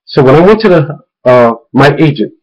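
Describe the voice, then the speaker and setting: On dull audio, a man with a fairly high but darkish voice and lively intonation talks at a moderate pace, cautioning his viewers about a phone scam. He's an informal, emphatic video blogger who retells the calls and repeats words to drive his point home.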